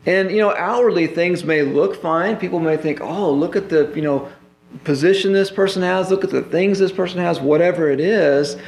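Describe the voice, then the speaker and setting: Gravelly-voiced man preaching in a roomy hall. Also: high voice, moderate pace, a little mellow, slight background noise. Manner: conversational, frequent "you know" and "uh" fillers. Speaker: pastor. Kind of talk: expository Bible sermon.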